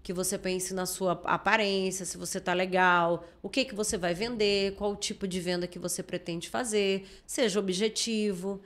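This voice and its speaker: A woman's voice: mid-range voice, fairly even intonation, normal speed, few pauses, fairly bright tone. A woman journalist with a Brazilian Portuguese accent, explaining her views in a casual interview and often checking in with the listener. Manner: explanatory, lots of filler tags and restarts. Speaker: journalist guest.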